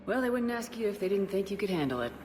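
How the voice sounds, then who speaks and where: A woman's voice: mid-range voice, sing-song, quick pace, a little mellow, slight background noise, lightly acted. A woman playing a confident military commander in a video game, composed and direct with a dry wit. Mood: wry. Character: steady, wry female military commander, confident.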